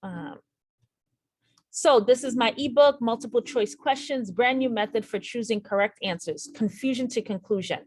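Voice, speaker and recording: A woman's voice: on the high side, moderate pace, no room sound. A woman teaching a nursing exam lesson over a screen share, speaking straight to her viewers and repeating the key points for emphasis. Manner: addresses viewers directly.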